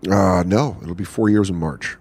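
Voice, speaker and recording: A man in his thirties with a low, gravelly, darkish voice talks at a moderate pace over slight background noise. He's a comedian guest on a casual podcast recorded in an apartment, telling candid, profane stories and acting out the quotes.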